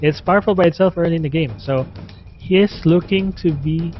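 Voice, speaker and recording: A man's voice: on the high side, a little fast. Man casting an esports match over music. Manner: conversational, with frequent fillers. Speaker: esports caster. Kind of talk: live game commentary. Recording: dull lo-fi stream audio with game music.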